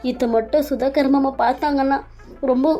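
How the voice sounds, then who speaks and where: A woman's voice: sits high, fairly even intonation, normal speed, muffled recording, soft background music, natural voice. A woman voicing an anxious young woman who urgently begs her aunt to do something. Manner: urgent, pleading.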